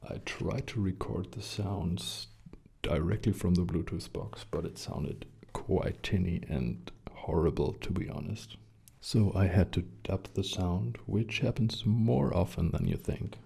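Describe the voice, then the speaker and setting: A man chatting gently in a soft-spoken, hushed and breathy ASMR style, relaxed and close to the mic. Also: low-pitched, a little slow. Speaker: ASMR video creator. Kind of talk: soft-spoken ASMR chat, slipping into whispers. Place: small quiet rented studio room. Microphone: close shotgun condenser mics.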